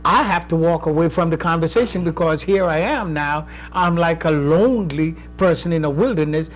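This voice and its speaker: A man hosting a talk show speaks with a somewhat raised pitch. He poses questions and shares his views in a measured way, pausing on fillers as he thinks. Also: faint music behind. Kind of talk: conversational interview.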